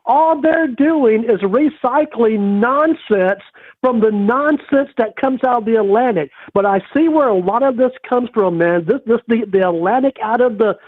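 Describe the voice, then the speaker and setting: High-voiced man ranting over a phone line. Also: moderate pace, no echo. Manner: animated ranting, repeats "man". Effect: heard over a phone line. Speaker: caller to a sports show. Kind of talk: casual phone-in rant. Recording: tinny phone line, dry.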